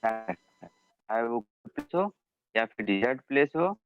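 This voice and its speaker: A man's voice: medium pitch, big pitch swings, slow, a bit bright, clean tone, faint music behind. A male teacher giving an online class, his voice choppy and breaking up over the call, often checking in with his students. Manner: repeats checks with students, mixes in English. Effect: choppy, breaking-up online call audio. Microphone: video call. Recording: dull lo-fi video call audio.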